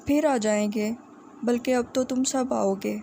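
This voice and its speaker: A woman's voice: fairly high pitch, steady tone, vocal fry, mellow, slight background noise. Woman reading a kindly older uncle.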